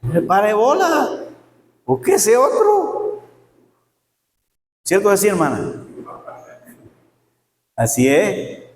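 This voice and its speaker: A pastor preaches to his congregation in a folksy, joking way, often asking them to answer back. His voice sits high for a man. The church hall around him rings with a long, roomy echo. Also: wildly swooping pitch, slow, long pauses, a little hiss or hum. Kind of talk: Sunday school sermon. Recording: echoey church hall reverb.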